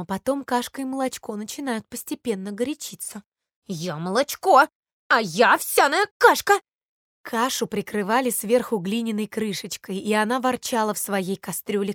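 A woman narrating a children's fairy tale in an expressive, measured reading. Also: mid-range voice, no echo, studio quality. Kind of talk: storybook narration.

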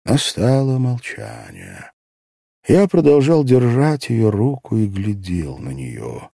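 A man reading a literary story aloud in the first person, with an expressive, emotional delivery. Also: fairly low pitch, slow pace, vocal fry, slightly rough, no echo, studio quality. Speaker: audiobook narrator.

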